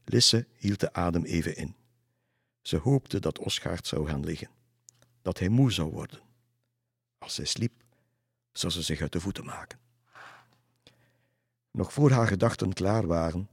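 A man reading a folk tale aloud in a measured way. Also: low-pitched, breathy edge, no echo, clean studio sound. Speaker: narrator. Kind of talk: storybook narration.

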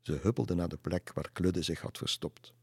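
A man narrating a spooky children's story in an expressive, suspenseful way. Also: sits low, normal speed, vocal fry, husky, no room sound, clean studio sound.

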